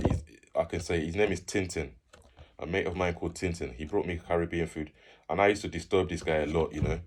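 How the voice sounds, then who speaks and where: Young man, very low voice, chatty animated storyteller doing the other voices. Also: slight background noise. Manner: animated, acts out quoted people in raised voices. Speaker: fitness channel host. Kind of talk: casual storytelling.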